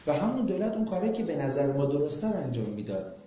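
A man's voice: on the high side, big pitch swings, warm tone, slight background noise. Man ranting at a crowd, lots of sarcastic questions, echoey hall. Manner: impassioned, rhetorical questions, mocking. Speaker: lecturer. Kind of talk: public talk with Q&A. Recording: echoey room.

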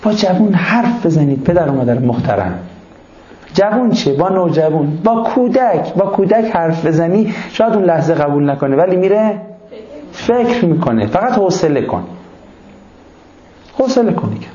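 Male preacher advising parents. Raised, mellow voice, animated and point-by-point, heard in an echoey room on a slightly muffled recording. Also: sits high. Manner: animated, rhetorical questions, lists points. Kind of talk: sermon-style advice to parents.

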